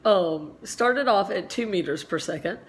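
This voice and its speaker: A woman's voice: mid-range voice, animated, a little slow. A middle-aged woman teacher explaining a physics lesson step by step, chatty and full of asides, with a slight cough.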